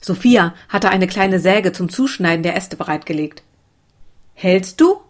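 A woman reading a children's storybook aloud in a calm, even way. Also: on the low side, normal speed. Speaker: narrator.

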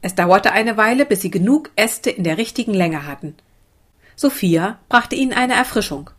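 A woman reading a children's storybook aloud in a calm, even way. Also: medium pitch, moderate pace. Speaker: narrator.

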